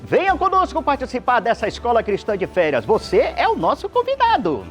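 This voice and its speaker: A man voicing a friendly desert guide who turns out to be Jesus, speaking in a warm, inviting way. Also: very high voice, wildly swooping pitch, brisk, faint music behind, heavily acted. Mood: welcoming. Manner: warm, inviting, sing-song.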